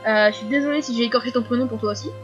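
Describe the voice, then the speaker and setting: A teenage girl with a high, youthful voice rattles through viewer questions at speed, full of fillers and quick giggles. The recording is a little dull and lo-fi, with faint music underneath. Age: teens. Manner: fast, chatty, giggly, lots of fillers. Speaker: youtuber answering viewer questions. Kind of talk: casual FAQ vlog.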